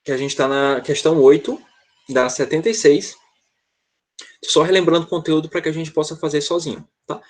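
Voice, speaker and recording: A man with a somewhat high voice teaches an online class over a computer mic. He explains in a relaxed, chatty way and keeps checking in with his students. He is from Brazil. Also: moderate pace. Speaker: English teacher.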